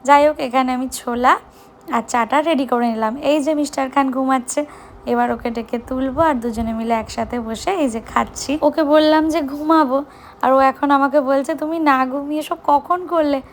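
A woman's voice: high-pitched, steady tone, moderate pace, slight background noise. Chatty young woman vlogging at home. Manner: chatty, addresses viewers directly. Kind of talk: casual vlog narration. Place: home kitchen and outings.

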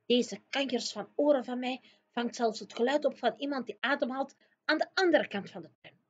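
A woman voicing a big friendly male giant who talks slowly and mixes up his words, in a storybook reading. The voice is a little husky. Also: high-pitched, voice pushed up. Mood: reassuring. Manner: slow, odd grammar, in a hushed tone. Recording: dull lo-fi recording.

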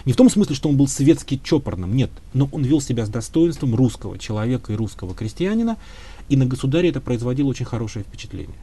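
A history expert is being interviewed, and he answers at length, thoughtful and hedging, with plenty of filler sounds. His medium-pitched voice is mellow and slightly rough, and he talks fast and animatedly.

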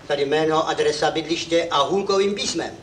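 An actor in a 1970s film comedy playing a stiff, rule-bound gate guard. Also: male voice, fairly high pitch, roomy sound, recorded from a distance, slight background noise, natural voice. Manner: stiff, officious.

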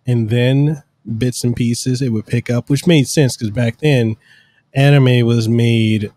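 Speaking slowly in a mellow, medium-pitched voice with fairly even intonation, this man co-hosts a podcast from home. He rambles casually through long, filler-laden explanations into an arm-mounted studio mic while wearing headphones, with no room sound.

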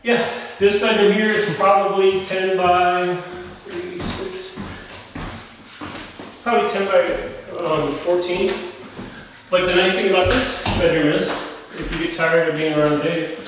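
Talking his way through a casual walk-through, a man in his forties shows off a house, his speech relaxed but somewhat hesitant as he moves through the empty rooms. He speaks high-pitched at a measured pace. The sound comes from a camera mic several metres off, leaving it echoey, distant, and noisy.

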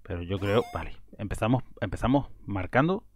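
A man giving casual, excitable commentary while playing a video game, breaking into frustrated outbursts. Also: on the low side, brisk, faint music behind. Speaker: gaming video host.

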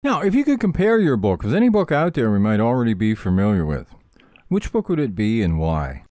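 A man hosting an interview, asking questions in a lively, upbeat way. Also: lowish voice, brisk, dry recording. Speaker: host. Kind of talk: radio-style interview.

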